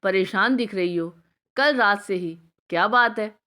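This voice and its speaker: A calm, caring middle-aged husband, read by a woman. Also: medium pitch, unhurried. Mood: gentle.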